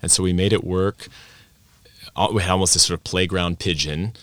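A bilingual English and German speaker who grew up in Austria, a language teacher and presenter, talks reflectively in a conversational podcast interview, restarting and correcting himself often. His voice is low-pitched and fairly bright, with a steady tone at a moderate pace. There is no echo.

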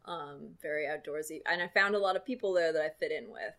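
A woman's voice: sits low, fast, fairly bright tone. A young woman from Montana co-hosting a podcast, chatting casually and laughing often. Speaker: podcast co-host. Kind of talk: casual chat.

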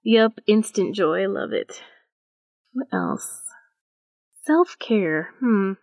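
A woman's voice: medium pitch, takes it slowly, no echo. A woman hosting her own podcast, joking playfully in a casual chat. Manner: playful, joking, animated asides. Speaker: podcast host. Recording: dull lo-fi dry sound.

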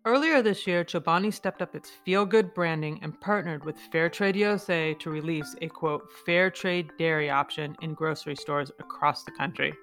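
A woman's voice: deep voice, moderate pace, few pauses, a bit bright, faint music behind. A woman narrating a scripted podcast introduction as its host. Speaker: podcast host, advocacy group director.

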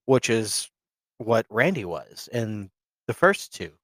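A man's voice: on the low side, very animated, takes it slowly, a bit bright, no room sound. A man co-hosting a podcast, talking casually and rambling a bit. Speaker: podcast co-host. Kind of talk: casual chat.

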